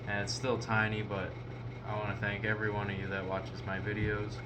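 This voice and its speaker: A man's voice: lowish voice, monotone, fairly quick. A man talking casually to his viewers as a hobbyist vlogger, rambling in a hesitant, plain-spoken way. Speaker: hobbyist pipe maker and video host. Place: small unfinished workshop shed. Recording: noisy shed with mechanical hum.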